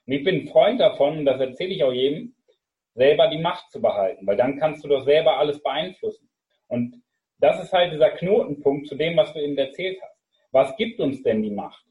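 A man's voice: medium pitch, phone-quality sound. A man hosting a casual conversation, reflecting and affirming his guest in a thoughtful way.

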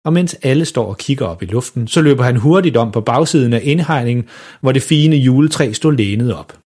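A man reads a children's Christmas story aloud with lively, animated delivery. His voice is mid-pitched and a little husky.

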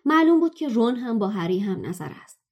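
Woman reading a novel passage aloud, steady and even, mid pitch. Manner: steady, measured storytelling. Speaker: guest reader. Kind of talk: scripted narration of a novel excerpt.

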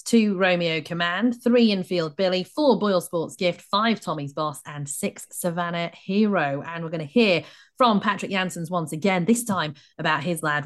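A female podcast host who runs through the runners and hands over to her guests. She talks steadily and keeps the discussion moving. Her voice sits low for a woman. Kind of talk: casual betting chat.

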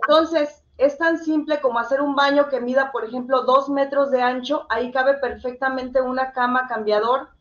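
A woman's voice: high voice, fairly even intonation, normal speed, hardly any pauses, highs cut off. A woman speaking as an interview guest, explaining things conversationally and addressing the host directly.

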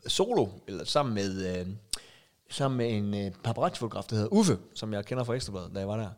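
A middle-aged man co-hosting a casual chat podcast, telling anecdotes animatedly with halting restarts. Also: lowish voice, big pitch swings. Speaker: podcast co-host.

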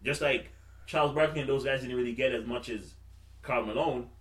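A man's voice: medium pitch, fairly quick, distant mic. A man hosting casual sports banter in a slangy, profane, frat-bro teasing manner. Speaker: podcast host. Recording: roomy, off-mic, faint noise.

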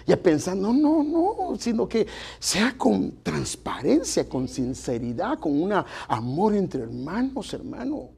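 A man's voice: sits high, wildly swooping pitch, slow, creaky, mellow, husky. A middle-aged man, preaching a folksy sermon to his congregation and addressing them as brothers. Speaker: pastor.

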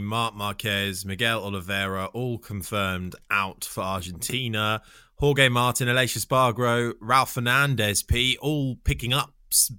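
A man's voice: lowish voice, pushed and bright, no echo, studio quality. A man hosting a motorsport panel discussion, feeling his way through his phrases. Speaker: motorsport show host.

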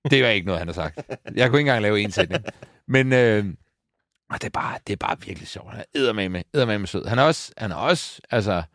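A man's voice: fairly low pitch, animated, vocal fry, fairly bright tone, no room sound, clean studio sound. Casual man chatting on a podcast. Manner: rambling, self-correcting, fond of his son. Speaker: podcast co-host. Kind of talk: casual chat.

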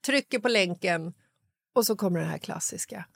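A woman hosting a podcast in casual chat, an animated storyteller who acts out dialogue and swears freely. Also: medium pitch, creaky, husky, no room sound, clean studio sound. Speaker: podcast host.

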